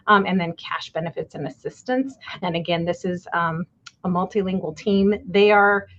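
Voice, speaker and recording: A woman's voice: on the low side, highs cut off. A woman presenting community health services on a webinar, speaking with frequent fillers. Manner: hesitant, many fillers. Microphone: video call.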